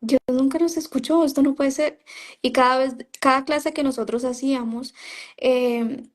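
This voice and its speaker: Speaking at normal speed in a high, steady voice, a woman recounts her past in a religious group during an interview. She tells it conversationally, frequently repeating what she said at the time and peppering her speech with "¿sabes?" and "o sea".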